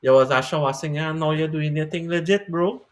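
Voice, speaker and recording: A man hosting a music interview podcast, chatting in a relaxed, encouraging way. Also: a little high, a little fast. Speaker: podcast host and DJ. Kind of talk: casual interview chat.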